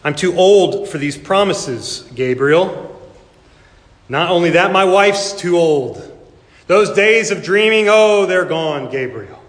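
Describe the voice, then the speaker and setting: A man's voice: sits high, expressive, slow, a bit bright, heavily acted. A man preaching, voicing a weary, doubting old priest who complains plaintively. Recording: echoey hall with long reverb.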